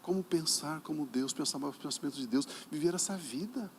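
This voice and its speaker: A middle-aged man with a Brazilian Portuguese accent preaching a sermon as pastor, emphatic and dramatic, acting out dialogues and swinging from soft to loud. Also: fairly high pitch, brisk, slight background noise. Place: church sanctuary during a service.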